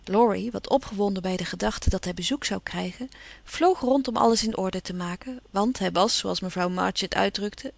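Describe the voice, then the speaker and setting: A woman reading a classic novel aloud in a measured, even storytelling manner. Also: medium pitch, gravelly, dry recording. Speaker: audiobook narrator. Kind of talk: scripted narration.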